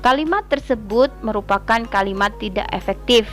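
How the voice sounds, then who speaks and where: A woman giving an online grammar lesson as a teacher, reading example sentences aloud and explaining them slowly. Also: medium pitch, lively intonation, soft background music.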